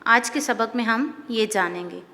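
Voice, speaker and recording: A woman teaching Quran reading in a slow, recited lesson. She drills each letter, draws out her words and keeps checking whether her listeners understand. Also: on the high side, bright, forceful tone, long reverb tail.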